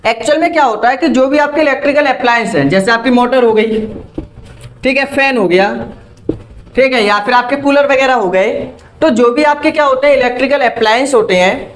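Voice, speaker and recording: A man teaching a physics class online, repeating phrases and asking quick check questions as he explains, mixing in English terms. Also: very high-pitched. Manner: mixes Hindi with English terms.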